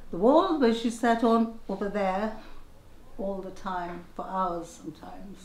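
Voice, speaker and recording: A woman's voice: medium pitch, measured pace, darkish tone, a little hiss or hum. A woman in her fifties who works in a small shop, giving brief, matter-of-fact answers to a visitor. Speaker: shop assistant. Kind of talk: casual interview answers. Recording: echoey small shop room.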